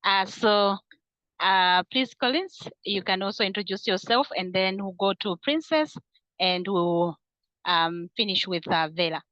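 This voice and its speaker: A woman's voice: medium pitch, unhurried, a bit bright, dry recording. A woman from Malawi moderating an online panel, polite and using many fillers. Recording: muffled online call audio.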